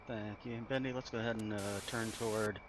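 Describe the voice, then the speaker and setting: A man's voice: on the low side, flat delivery, fairly quick. A man making military radio calls as a pilot in a flight sim. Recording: loud vehicle-like noise.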